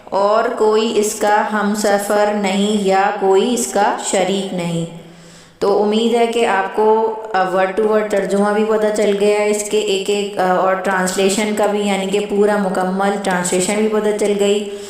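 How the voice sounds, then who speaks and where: A woman teaching Quran recitation, chanting each verse slowly and drawn out, then explaining pronunciation and meaning in plain talk. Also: mid-range voice, level tone, a little mellow. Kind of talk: slow recitation lesson with explanation. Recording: very echoey room from far off.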